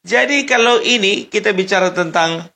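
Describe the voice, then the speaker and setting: This Sumatran man's voice is high-pitched, gravelly, and sharp, moving at a normal speed. Hosting an informal political monologue, he ridicules his subjects, laughs a lot, and addresses viewers directly, with background noise throughout.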